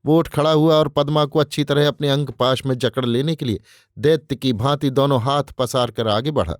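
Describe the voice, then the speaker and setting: A man narrating a novel as an audiobook, in a measured, literary storytelling way. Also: mid-range voice, no echo, clean studio sound.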